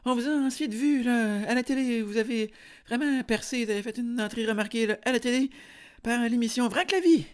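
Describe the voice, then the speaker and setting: A young man with a Quebec French accent, hosting a podcast as a deadpan mock interview, rambling with many hesitations. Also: very high-pitched, fairly quick. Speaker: podcast host.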